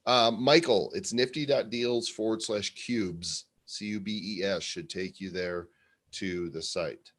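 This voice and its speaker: A man's voice: lowish voice, unhurried, a bit bright. A man co-hosting a live show in casual, rambling, conversational talk. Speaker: co-host of a show about NFT art.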